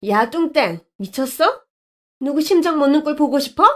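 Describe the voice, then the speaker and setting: A woman voicing a loud, sneering middle-aged woman who bosses others around and yells. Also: high-pitched, lively intonation, moderate pace, voice pushed up. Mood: yelling. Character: bossy middle-aged woman bully, gang leader.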